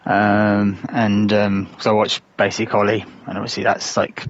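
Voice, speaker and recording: A man's voice: lowish voice, completely flat delivery, unhurried, no room sound, lo-fi sound. A man from the UK, a podcast guest, talking in a laid-back, hesitant way with chuckles. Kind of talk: casual podcast chat.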